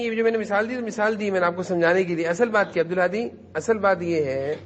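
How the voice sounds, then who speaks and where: A man's voice: sits high, highs cut off. A man teaching a class of children in a madrasa, who repeats his points and keeps quizzing the kids to answer. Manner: repetitive, questions the children and urges them to answer.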